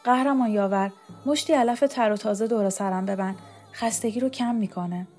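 A woman's voice: medium pitch, darkish tone, soft background music, close to an everyday voice. A woman reading the lines of a frail bedridden woman who speaks weakly and drifts into feverish wandering talk, for an audio storybook. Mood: dreamy. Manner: weak, halting, drifting into delirium.

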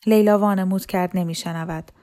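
Woman narrating a novel in steady tones. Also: fairly low pitch. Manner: steady, measured reading. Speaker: storyteller.

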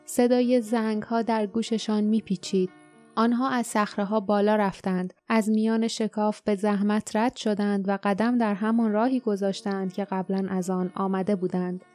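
A woman narrating an audiobook in a measured, even storytelling manner. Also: medium pitch, faint music behind.

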